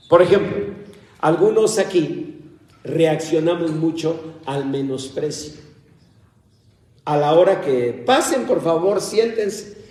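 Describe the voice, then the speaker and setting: A preacher with a somewhat high voice gives an unhurried, conversational sermon. He talks in a chatty, teasing way and acts out little everyday arguments for his listeners. He is heard from a distance in a large echoing church hall. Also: darkish tone. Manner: chatty and playful, acts out everyday quarrels, teases the congregation. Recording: echoey hall heard from far off.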